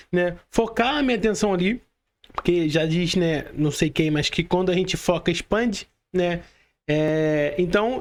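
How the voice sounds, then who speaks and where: A podcast host with a Brazilian Portuguese accent runs a conversational interview, his voice sitting high. He explains his points and keeps checking for agreement with short tag questions.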